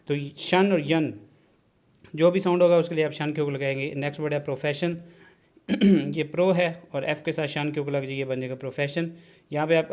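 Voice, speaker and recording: A shorthand instructor with a fairly high-pitched voice teaches a classroom-style video lesson, explaining step by step. He checks in often with a short "okay," keeps repeating "theek hai ji," and mixes English terms into his Urdu.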